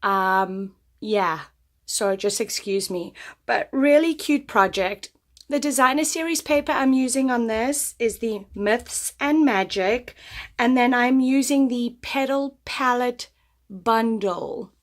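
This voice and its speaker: A woman from the United States speaks slowly with a fairly high pitch as she demonstrates a paper craft at her craft table. Though losing her voice, she keeps up chatty, step-by-step instructions for the tutorial.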